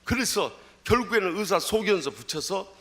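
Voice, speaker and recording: Jeolla-accented pastor in his sixties, animated storytelling sermon, rather high voice. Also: moderate pace. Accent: Jeolla Korean. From Jeolla, Korea. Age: 60s. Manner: storytelling with dramatic swings in pitch and loudness. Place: church sanctuary.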